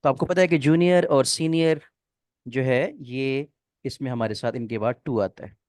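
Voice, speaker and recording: Guy teaching a grammar class, keeps asking "clear?", dry recording. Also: mid-range voice, steady tone, normal speed, darkish tone, dry recording. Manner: explains step by step, checks often if students follow. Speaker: English teacher. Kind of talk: online class explanation.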